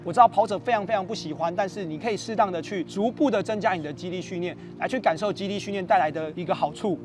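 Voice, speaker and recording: A man's voice: high-pitched, slight background noise. A man with a Taiwanese Mandarin accent, hosting and coaching runners in an upbeat, explanatory way. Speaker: running coach and host. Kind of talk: instructional video podcast. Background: faint music.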